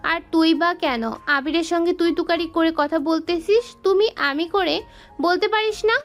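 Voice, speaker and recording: A woman's voice: extremely high pitch, moderate pace, soft background music. A woman playing a young wife who explains things and reproaches her sister in an audio drama. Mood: reproachful. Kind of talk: Bengali audio love-story drama.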